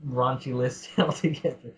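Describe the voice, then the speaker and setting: Hosting a casual podcast Q&A, a man with a mid-range voice and steady tone speaks at normal speed. He reads listener questions aloud, rambling, swearing and laughing often, captured in dull lo-fi sound.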